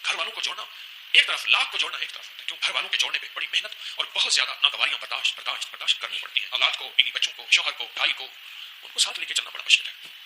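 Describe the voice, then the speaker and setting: A man preaching a sermon, repeating phrases with feeling and slowly chanting prayers. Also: on the high side, lively intonation, pushed and bright, slight background noise, poor audio. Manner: emotional, repetitive preaching, slow chanted prayers. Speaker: religious speaker. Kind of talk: sermon with recitation.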